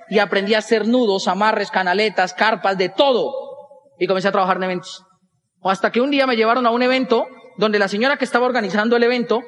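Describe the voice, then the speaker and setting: A man's voice: high voice, long reverb tail. A young man with a Colombian Spanish accent, telling a stand-up story and acting out the other voices. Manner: animated, acts out dialogue with quick voice switches. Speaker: stand-up comedian.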